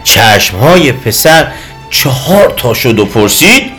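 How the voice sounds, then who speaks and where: A man narrating a children's story with a lively, expressive reading. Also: medium pitch. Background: soft music.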